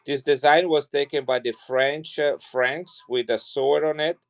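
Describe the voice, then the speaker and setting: A man from Italy, selling coins on a live stream, talks with a fairly high voice that stays steady and a little slow. The casual sales chat is rambling and full of restarts.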